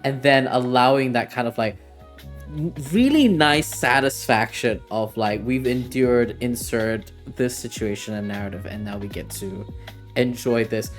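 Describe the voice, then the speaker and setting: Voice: medium pitch, a little slow, faint music behind. A show host running a casual interview, enthusiastic and gushing. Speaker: podcast host.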